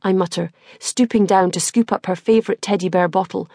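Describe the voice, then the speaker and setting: A woman reading a first-person audiobook with measured, wry storytelling. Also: mid-range voice, fairly even intonation, dark tone, no room sound, clean studio sound. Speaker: audiobook narrator.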